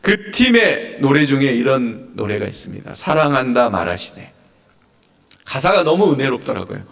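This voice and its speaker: A man's voice: mid-range voice, big pitch swings, normal speed, vocal fry, a bit bright, in a large hall, distant mic. A man preaching a sermon as a pastor, asking the congregation many questions. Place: church sanctuary.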